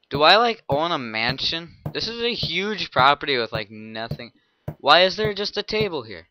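A young man giving let's play commentary on a horror game, excitable, jumping from mutters to shouts and creepy whispers. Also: medium pitch, slight background noise. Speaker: gameplay commentator.

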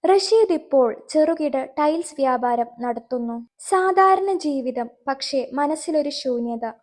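Woman storyteller, solemn scripted narration, high voice.

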